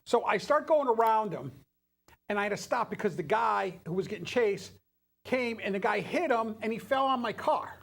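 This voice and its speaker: High-voiced man chatting as a co-host. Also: moderate pace, creaky. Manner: animated storyteller, banters and retells events. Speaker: co-host of a local talk show. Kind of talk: casual chat.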